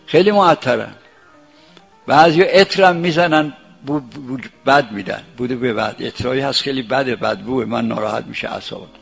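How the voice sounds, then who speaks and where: Older male preacher, gravelly voice, homely sermon with chanted verse; muffled lo-fi tape, soft music behind. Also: medium pitch. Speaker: cleric. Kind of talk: folksy sermon. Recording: dull lo-fi with faint music.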